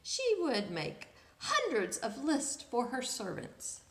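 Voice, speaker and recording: In an echoey room, a woman with a fairly high, slightly bright voice reads a picture book aloud to children. She goes slowly, swinging her pitch widely, stretching out words and asking her young listeners questions as an expressive storyteller and read-aloud host.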